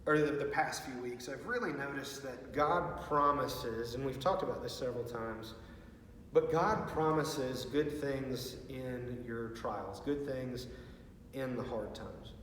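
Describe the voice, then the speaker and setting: A man speaking as a youth pastor in an informal video message, earnest and halting, with repeated words. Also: medium pitch, fairly bright tone. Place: large empty student ministry room with stage. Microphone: far from the speaker. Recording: very echoey hall, distant mic, faint noise.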